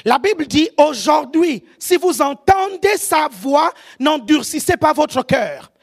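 High, lively preacher with an African French accent. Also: takes it slowly, creaky. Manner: animated, often shouting, keeps asking the audience if they follow. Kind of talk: sermon.

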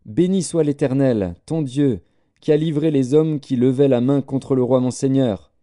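A man's voice: medium pitch, moderate pace, warm tone, close to an everyday voice. A man reading aloud voices an eager young messenger who pleads to run with the news. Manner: pleading, insistent.

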